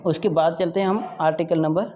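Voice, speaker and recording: The voice is mid-range, steady and warm: a law lecturer giving an informal exam-prep session, breaking things down point by point and going over key ideas again. Understanding is checked frequently through tag questions, with a switch to English for slowly read legal definitions. Sound quality is muffled and dull, with noise behind it.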